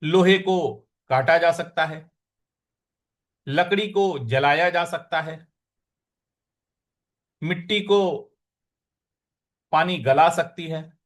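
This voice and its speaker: A man teaching a scripture lesson, reciting verses in a slow chanting tone and then explaining pronunciation and meaning. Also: sits high, a bit bright.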